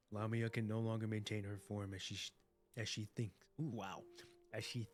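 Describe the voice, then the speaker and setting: A man streaming his reaction to a game story, switching between casual commentary and dramatic read-aloud narration. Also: on the low side. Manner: excitable, profane, exclamatory.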